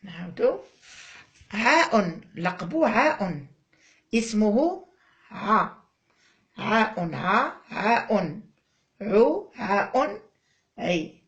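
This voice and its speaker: Speaking very slowly with long pauses, a woman with an Algerian Arabic accent teaches young children a phonics lesson, drawing out each syllable while coaxing and praising the child. Her medium-pitched voice is very animated, though the audio is dull.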